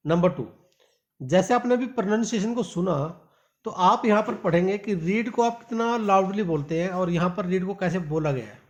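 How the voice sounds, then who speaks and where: A man's voice: sits high, highs cut off. A man teaching English pronunciation, stretching out example sentences word by word and calling his learners "my dear". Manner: slow, drawn-out reading of example sentences. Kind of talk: spoken English lesson.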